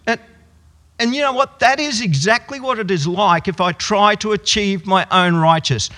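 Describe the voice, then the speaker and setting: A man preaching a sermon in a storytelling way, slowing and dropping his voice for emphasis. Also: sits high. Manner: storytelling, swings from loud to hushed for emphasis. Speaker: pastor. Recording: echoey hall with long reverb.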